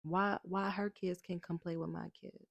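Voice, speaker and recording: A woman vlogs about healing and setting boundaries, cursing freely and hammering her points home through increasingly heated repetition. Her fairly low, gravelly voice stays level at a moderate pace, recorded without echo and with the highs cut off.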